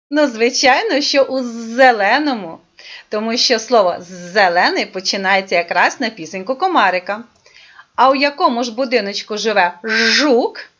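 A woman teaching a speech therapy lesson to young children, talking in a drawn-out, sing-song way. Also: on the high side, a bit bright. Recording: dull lo-fi recording.

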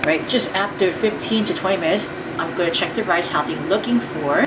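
A woman's voice: fairly low pitch, fairly quick. A woman hosting a home cooking demonstration, talking step by step through each ingredient in a chatty, repetitive way. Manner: step-by-step, chatty, repeats phrases. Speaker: cooking show host. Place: home kitchen. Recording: distant mic, loud room noise.

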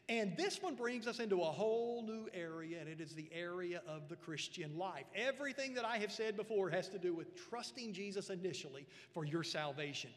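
A man with a fairly high speaking voice preaches a sermon from the pulpit. He is earnest and emphatic and often doubles back on his words. His voice carries through a church sanctuary with a long reverb tail. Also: fairly bright tone. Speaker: pastor.

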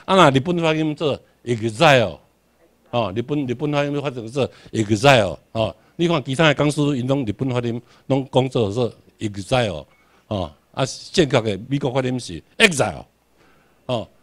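A man's voice: medium pitch, animated, moderate pace, fairly bright tone. A man from Tainan with a Taiwanese accent, giving a classroom lecture, emphatic, putting rhetorical questions and answering them himself. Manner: emphatic, repeats key words for drilling.

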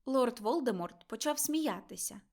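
A woman narrating a dramatic audiobook, expressive and slowing for tense moments. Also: a little high.

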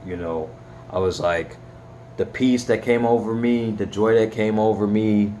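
Young man, low voice, earnest and heartfelt, slightly cracking voice, personal testimony vlog, faint hiss. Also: steady tone, unhurried, mellow. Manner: earnest, heartfelt, rambling with restarts.

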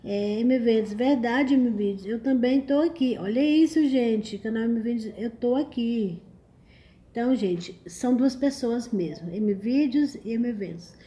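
Brazilian woman, livestream host, warm mellow tone, chatty and teasing. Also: on the high side, measured pace, lo-fi sound. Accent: Brazilian Portuguese. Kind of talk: casual live chat, reading comments.

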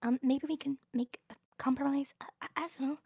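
A woman's voice: sits high, steady tone, fairly quick, vocal fry, mellow, no room sound. A woman playing in a game roleplay, speaking in a hesitant, placating way.

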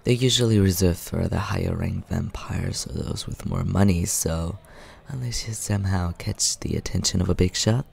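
With an exaggerated voice, a man plays Scaramouche, a creaky, deep, suave vampire, in a soft ASMR roleplay directed at the listener. The mood is relaxed and explanatory, the voice low and soft with creak, the delivery teasing, smooth, and slow.

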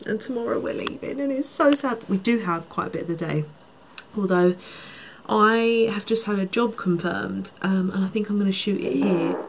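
A woman's voice: mid-range voice, moderate pace, slight background noise. Gushing young woman vlogging. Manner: gushing, chatty, lots of fillers. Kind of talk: casual travel vlog to camera. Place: holiday house room indoors.

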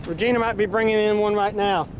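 A man giving a relaxed, casual fishing how-to while out on a pontoon boat, filled with uhs. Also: sits high, fast. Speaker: fishing vlogger. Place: pontoon boat on a windy lake, outdoors. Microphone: handheld camera mic. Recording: heavy wind and boat noise on mic.

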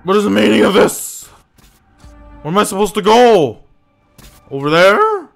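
A man's voice: high voice, sing-song, unhurried, gravelly. A man giving casual, wisecracking let's-play commentary while gaming, easily surprised. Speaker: gaming YouTuber. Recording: voice over game music.

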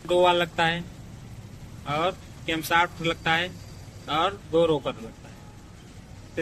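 A man's voice: a little high, pushed and bright, a little hiss or hum, low-quality recording. A young man who works as a motorcycle mechanic, explaining engine parts in a casual how-to vlog step by step, often saying "guys". He is outdoors in front of a street-side shop, speaking into a phone held close. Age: young adult.

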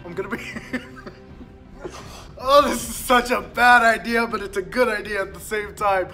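A man's voice: sits high, normal speed, bright, forceful tone, faint music behind. A man talking casually for a gaming vlog, nervous, self-conscious and giggly. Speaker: YouTuber.

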